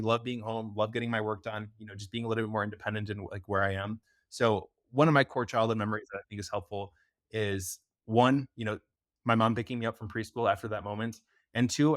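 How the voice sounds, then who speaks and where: A young American man, a preventative health expert, is a guest on a podcast and talks in a casual interview style. His voice sits lowish with a fairly bright tone, and he speaks fast and loosely with lots of fillers. The studio-quality recording has no echo.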